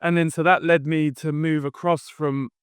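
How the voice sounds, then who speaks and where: A man talks through his career in a relaxed, explanatory way, pausing on fillers as he thinks. His voice sits a little high and comes across smooth and resonant. The recording is close and dry. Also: no room sound. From London. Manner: thoughtful, explanatory, with frequent fillers. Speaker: podcast guest, company founder. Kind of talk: conversational interview answers.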